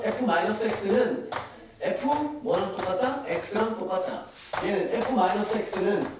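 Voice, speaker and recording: A man teaching a math class, quizzing his students and answering his own questions. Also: high-pitched. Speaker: math tutor. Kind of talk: classroom lecture. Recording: echoey classroom, distant mic, hiss.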